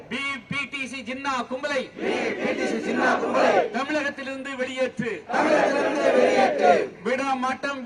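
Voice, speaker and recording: A man leading a protest, chanting slogans through a megaphone slowly and repetitively. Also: very high-pitched. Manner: slow, repetitive shouted call-and-response chanting. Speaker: protest leader. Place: outdoor street protest. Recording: distant megaphone over loud crowd noise.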